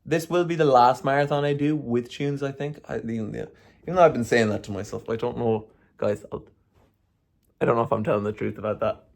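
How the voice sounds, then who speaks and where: A young man talks through his own podcast in a loose, rambling way. He drops slang and the odd swear word, and his voice sits at an ordinary middle pitch for a man. It sounds like casual solo chat. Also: a little fast, gravelly. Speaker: podcast host.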